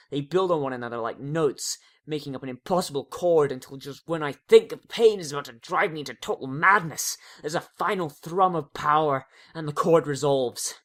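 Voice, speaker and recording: With a mid-range voice, a theatrical and expressive reader narrates a fan fiction story in a dramatic audiobook style.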